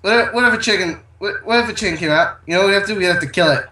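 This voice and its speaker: A man's voice: high-pitched, rapid-fire, bright, forceful tone, distant mic. Young man groaning on an echoey mic. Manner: joking, dramatic groaning. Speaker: gamer. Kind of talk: casual gaming chat. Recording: echoey room mic from afar, faint hiss.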